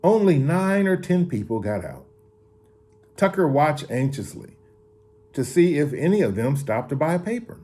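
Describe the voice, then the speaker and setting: A man reading a children's book aloud, expressive, now and then backing up to reread a line. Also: on the high side, normal speed. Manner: expressive reading with occasional restarts. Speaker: story reader. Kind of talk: children's story read-aloud.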